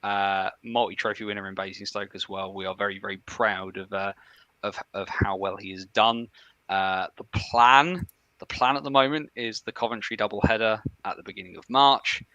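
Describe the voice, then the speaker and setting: A man's voice: on the low side, fairly even intonation, pushed and bright, no echo, highs cut off. A man guesting on a podcast, talking casually and with enthusiasm. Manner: enthusiastic, quick plugs. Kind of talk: casual chat.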